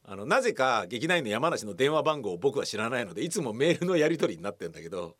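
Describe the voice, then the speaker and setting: A middle-aged man hosting a casual radio talk show, telling stories and acting out the other people in them with animated voices. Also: mid-range voice, quick pace. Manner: animated storytelling, mimicking voices. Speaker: radio host.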